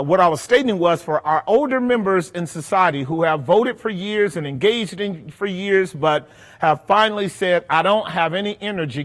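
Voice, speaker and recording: A fairly high-pitched man preaches at a Bible study, driving his points home by repeating key phrases. His voice rings out in a church hall with a long reverb trailing behind each line. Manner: emphatic, repeats phrases for weight. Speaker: pastor.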